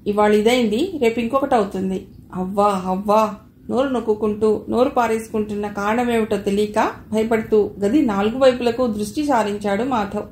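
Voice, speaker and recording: Woman narrator, mellow and slightly high, telling an audio novel in an echoey room with faint noise. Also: normal speed. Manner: steady storytelling. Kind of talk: scripted narration.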